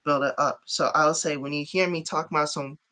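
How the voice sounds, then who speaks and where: A chatty, giggly man from Chicago talks about his art as an interview guest. His voice sits a bit high, with a bright, forceful edge and a smooth, clear tone. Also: steady tone, a little fast. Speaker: guest artist and rapper. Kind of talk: casual interview chat.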